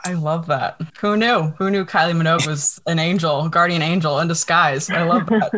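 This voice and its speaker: A woman's voice: on the low side, normal speed, fairly bright tone. A woman with a standard American accent, hosting an interview in casual chat. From United States. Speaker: interviewer, podcast host.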